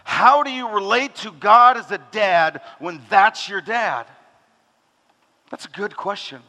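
High, bright-voiced man preaching in a reverberant hall. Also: expressive, slow. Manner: conversational, rhetorical questions, drops low and soft for God's words. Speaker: pastor. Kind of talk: sermon. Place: church hall.

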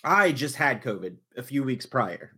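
Animated, lively male podcast storyteller. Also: medium pitch, measured pace, breathy edge. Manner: animated storytelling, exasperated retelling. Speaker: podcast host. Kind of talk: casual chat.

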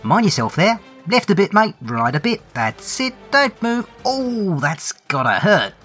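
A man's voice: high voice, big pitch swings, measured pace, fairly bright tone, faint music behind, pitched above the performer's own voice, full character voice. A man voicing a brash, playful horned warrior woman who trades breezy, teasing banter. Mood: cheeky. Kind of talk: solo tabletop role-play.

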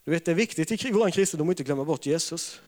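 A man's voice: a little high, a little mellow. A man preaching a charismatic sermon, telling stories with humor and frequent laughter. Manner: humorous storytelling, laughs often. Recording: long reverb of a large hall.

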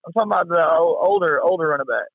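A man's voice: a little high, racing, dry recording, phone-quality sound. A man chatting casually about sports as a co-host, enthusiastic and full of bro-ish slang, often repeating himself. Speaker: co-host of a sports talk show.

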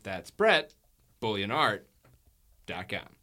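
A man running a tabletop game podcast as game master, playful and quick to laugh. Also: lowish voice, sing-song, sharp tone.

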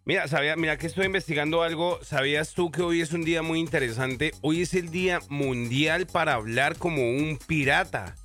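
A man's voice: on the high side, brisk, hardly any pauses, fairly bright tone. A man co-hosting a radio show in casual, playful, slangy banter, dropping in English words. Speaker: radio morning show co-host. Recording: music bed behind the voice. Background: music.

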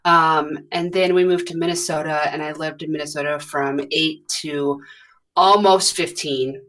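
A woman in her thirties from the US Midwest, a podcast guest chatting casually and rambling with many pauses. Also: low-pitched, fairly even intonation, fairly bright tone. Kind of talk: casual conversation.

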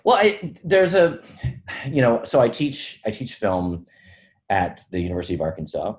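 A man's voice: medium pitch, very animated, moderate pace. A middle-aged man who teaches film, talking through ideas in a casual podcast chat, reflective and self-deprecating, often hedging his points.

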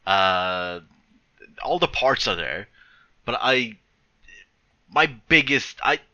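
A man with a lowish but strikingly bright, forceful voice chats casually as a podcast co-host. He feels his way through sentences, often starting them again. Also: animated, slow, highs cut off. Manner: hesitant, restarts and breaks up sentences. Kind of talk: casual film discussion.

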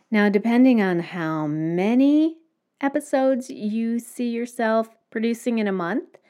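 A woman's voice: on the low side, a little mellow. A woman hosting her own podcast, explaining things step by step in a casual solo talk. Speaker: podcast host. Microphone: home microphone.

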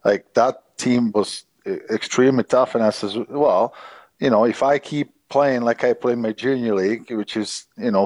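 A middle-aged man with a Czech accent, answering interview questions in a halting way with many fillers. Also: fairly low pitch, a little mellow, dry recording. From Czech Republic. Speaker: former hockey player, guest.

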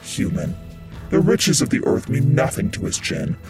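An actor voicing a proud, lonely, ancient male genie in a hollow, gravelly voice, speaking slowly and with command. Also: natural voice. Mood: solemn. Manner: slow, stately, commanding speech. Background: loud music.

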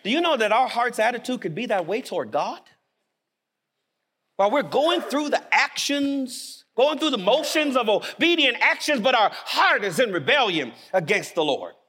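A man preaching a sermon in a chapel, animated and emphatic, dropping suddenly to quiet words. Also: very high voice, normal speed, slightly rough.

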